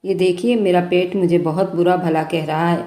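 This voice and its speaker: A woman's voice: lowish voice, fairly even intonation, moderate pace, dark tone, lightly acted. A woman voicing a chatty, playful young female office worker in a bedtime story. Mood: pleading. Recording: echoey room.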